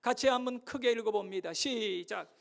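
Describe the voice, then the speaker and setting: Middle-aged pastor guy preaching, really high voice for a man, goes from shouting to hushed stories. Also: moderate pace, vocal fry. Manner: fervent preaching, swinging from shouting to quiet storytelling. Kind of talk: sermon.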